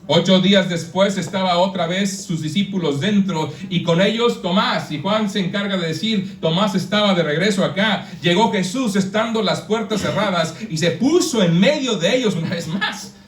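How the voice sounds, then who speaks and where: A man from Mexico delivers a sermon in an echoey church hall, his voice fairly high for a man. He stands some way from the microphone, and a faint room hum sits under him. His preaching is chatty, and he keeps turning to the congregation with questions. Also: moderate pace, hardly any pauses, distant mic. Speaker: pastor. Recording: echoey church, speaker away from the mic.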